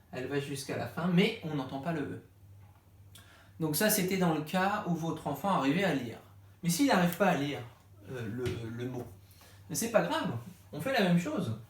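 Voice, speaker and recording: Patient male teacher in an echoey room. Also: a little high. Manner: patient, step-by-step, acts out asking the child. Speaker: primary school teacher. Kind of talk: explaining a home lesson to parents.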